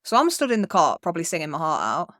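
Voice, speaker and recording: A young woman co-hosting a podcast tells a rambling story from her childhood, cursing freely and acting out what people said. Her low voice swoops wildly in pitch as she talks fast, with a fairly bright tone. The sound is studio quality with no echo.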